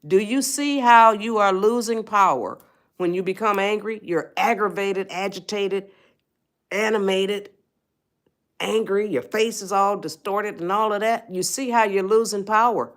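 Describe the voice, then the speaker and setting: A woman's voice: medium pitch, measured pace. Emphatic woman hosting a live stream. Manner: emphatic and repetitive, often checks in with listeners; speaks directly to viewers as a group. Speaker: author and parenting speaker. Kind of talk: live-stream motivational talk. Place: her own live stream.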